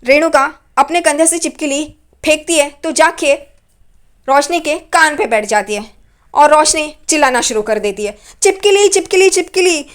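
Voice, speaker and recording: A woman's voice: high voice, normal speed, fairly bright tone. A woman casually retelling a TV serial episode in a chatty, loose storytelling manner. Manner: chatty, loose storytelling with repeated "here" fillers. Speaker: serial recap narrator.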